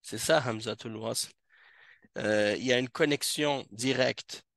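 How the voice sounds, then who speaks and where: A man teaching Arabic grammar to a class, explaining slowly with frequent hesitations. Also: medium pitch, a bit bright, no echo. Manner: slow, hesitant explaining with many fillers. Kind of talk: classroom lesson. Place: mosque classroom.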